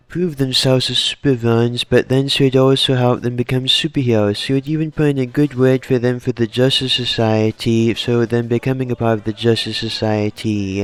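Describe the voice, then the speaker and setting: A man casually pitching fan story ideas in long, rambling run-on sentences. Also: clear, resonant tone, dry recording.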